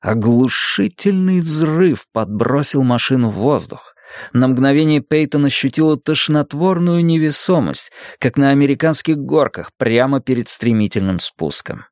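A man narrating a dramatic audiobook in a steady, measured way. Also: medium pitch, no echo, studio quality.

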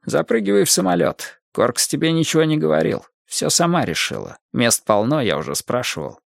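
A man's voice: a little high, very animated, fairly quick, vocal fry, no room sound, studio quality, voice pushed up, full character voice. A man voicing a fussy, conspiratorial male fixer who murmurs urgent asides under his breath.

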